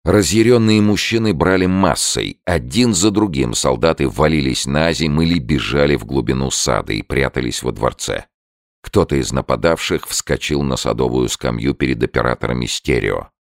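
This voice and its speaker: A man's voice: very deep voice, moderate pace, creaky, no room sound, clean studio sound. A man narrating an audiobook with dramatic storytelling.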